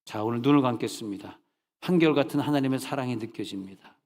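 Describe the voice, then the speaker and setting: A man in his forties, a pastor giving a chatty, playful sermon with acted quotes and shouted hallelujahs. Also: mid-range voice, fast talker, long reverb tail. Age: 40s.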